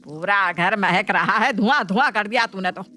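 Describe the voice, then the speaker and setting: A woman's voice: medium pitch, moderate pace, bright, forceful tone, natural voice. Woman voicing a whiny scheming mother-in-law. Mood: complaining. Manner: whiny, dramatic complaints. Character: middle-aged mother-in-law, scheming and complaining. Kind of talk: cartoon voice acting.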